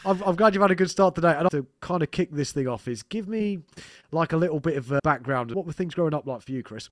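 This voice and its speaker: A man hosts a podcast in a dry, close recording, with a voice a little higher than average. He talks casually and emphatically, full of sweary enthusiasm. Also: animated, fast talker, no room sound. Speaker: podcast host. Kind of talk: casual interview chat.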